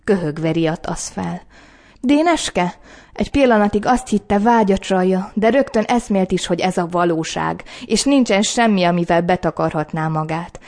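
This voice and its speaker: A woman narrates an audiobook in calm, measured, scripted storytelling. Her voice sits fairly low. The timbre is warm and mellow.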